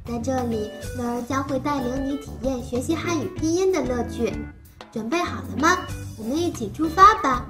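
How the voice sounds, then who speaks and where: Casting: woman for tiny chirpy cartoon creature, child-like and high, encouraging phonics teacher speaking as if reading to a toddler, music behind. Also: moderate pace, natural voice. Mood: bubbly, encouraging. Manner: simple, exaggerated, encouraging talk, as if reading to a toddler. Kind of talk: animated lesson for small children.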